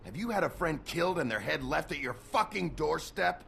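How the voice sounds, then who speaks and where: An actor playing a gruff, bitter, short-tempered sheriff in a video game, with a gravelly, sardonic delivery. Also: male voice, fairly high pitch, expressive, moderate pace, fairly bright tone, slight background noise. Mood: angry. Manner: sardonic, confrontational, swearing.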